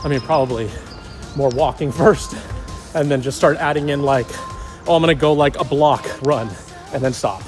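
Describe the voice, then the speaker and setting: A man's voice: a little high, normal speed, music in the background. Joking breathless guy on a run. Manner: joking, loose, lots of "like". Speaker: vlogger. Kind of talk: casual vlog chat. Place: outdoors on a run.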